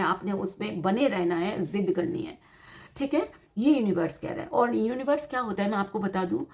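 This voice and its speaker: A woman giving a tarot reading to her viewers in a teacherly, explanatory way, repeating her points and mixing in English terms. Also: mid-range voice. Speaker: tarot reader.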